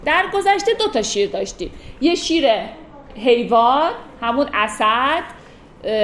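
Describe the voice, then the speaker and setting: A woman explaining classical poetry in a casual, lively lecture, speeding up into wry asides. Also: sits high. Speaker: teacher explaining Persian poetry. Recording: echoey room, faint ambient noise.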